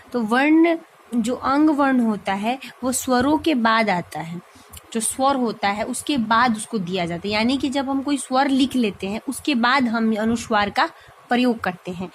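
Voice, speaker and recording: A woman's voice: fairly high pitch, slight background noise. A woman teaching a grammar lesson, explaining each point patiently and often checking in with her students.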